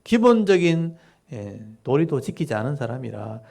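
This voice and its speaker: A man's voice: medium pitch, big pitch swings, normal speed, vocal fry, darkish tone. A male pastor preaching a sermon in a church, explaining scripture emphatically with rhetorical questions. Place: church sanctuary.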